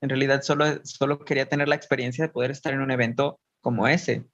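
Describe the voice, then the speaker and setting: A man's voice: medium pitch, fairly even intonation, quick pace, fairly bright tone, dull audio. A man, acting out his own past thoughts. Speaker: interview guest, burlesque performer and dance teacher. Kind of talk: casual storytelling interview.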